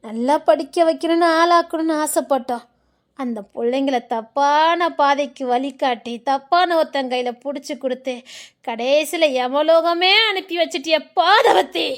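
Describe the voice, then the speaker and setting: A woman's voice: high-pitched, moderate pace, lightly acted. An actress with a Tirunelveli Tamil accent playing a bitter village woman who curses and accuses. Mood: grieving bitter. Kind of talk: dramatic serial acting.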